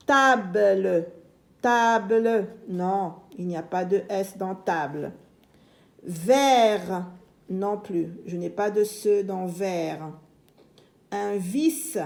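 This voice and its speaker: A woman teaching young children to read, slowly and deliberately repeating each syllable and word, gently firm with her pupils. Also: medium pitch. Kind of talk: phonics lesson for young children.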